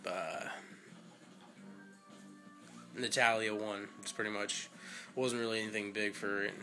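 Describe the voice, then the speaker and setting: A man's voice: fairly low pitch, flat delivery, measured pace, bright, forceful tone, soft background music. A young man casually recapping wrestling results, rambling and chatty with lots of fillers, a little out of breath. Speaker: wrestling fan vlogger.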